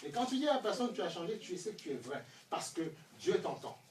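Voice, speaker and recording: A male preacher with a high-pitched voice delivers a fervent sermon, sliding from near-whispered asides to shouted calls and rhetorical questions. The recording is echoey and distant, as if taken from across a church hall, with a faint hiss underneath. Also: big pitch swings, fast talker. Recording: echoey room, distant mic, faint noise.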